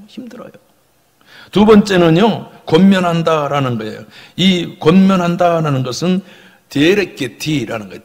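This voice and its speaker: A male pastor preaching a sermon, swinging between loud calls and soft asides. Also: a little high, in a large hall. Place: church sanctuary.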